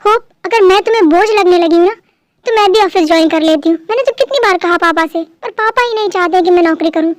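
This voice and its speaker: High-voiced dubber doing a stubborn proud elder sister. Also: female voice, fast talker, no echo, studio quality. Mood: firm. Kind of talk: fan dub drama.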